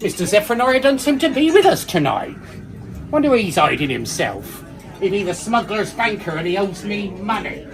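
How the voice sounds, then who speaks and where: A woman's voice: mid-range voice, big pitch swings, normal speed, gravelly. A woman playing a salty, sly old eighteenth-century smuggler in live costumed theatre, chummy and teasing in rustic dialect. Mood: nosy, teasing. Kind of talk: live costumed character acting for guests. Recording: distant voice under loud music and chatter.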